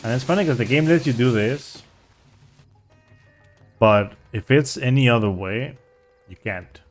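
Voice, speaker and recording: A man's voice: medium pitch, measured pace, faint music behind. A man giving casual, rambling commentary as he streams a speedrun. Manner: rambling and chatty, with frequent restarts and "like".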